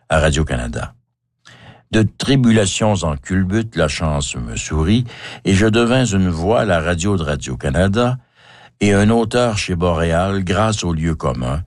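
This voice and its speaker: A man in his fifties with a Québécois accent, reading his own memoir in a measured, wry, slightly theatrical way. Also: low voice, no echo, clean studio sound. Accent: Québécois French. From Quebec. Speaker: author narrating his memoir. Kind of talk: reflective autobiographical reading.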